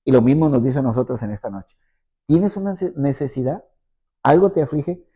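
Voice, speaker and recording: A man's voice: medium pitch, expressive, normal speed. A man pastor preaching a sermon with an emphatic, repetitive cadence. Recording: dull lo-fi recording.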